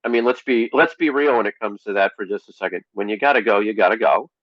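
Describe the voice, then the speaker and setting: A man speaking as an interview guest in a relaxed, conversational way, with a dry, deadpan humor. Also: fairly low pitch, fast, dry recording, lo-fi sound. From Connecticut, USA.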